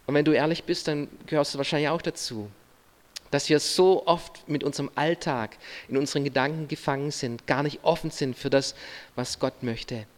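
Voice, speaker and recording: A man in his thirties, a pastor preaching a sermon earnestly, speaking straight to the listener in short phrases. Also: on the high side. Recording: long reverb of a large hall.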